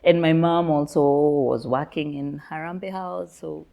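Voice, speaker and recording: A woman's voice: low-pitched, fairly even intonation, measured pace, creaky, highs cut off. A Kenyan woman in her thirties, a podcast guest candidly telling her life story, laughing often and mixing Swahili slang into her English. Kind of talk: personal storytelling interview.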